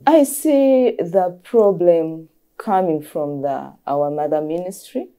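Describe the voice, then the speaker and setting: A woman's voice: lowish voice, slow, warm tone. A woman, a doctor, explaining earnestly as a guest in an interview and repeating key phrases for emphasis. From Uganda.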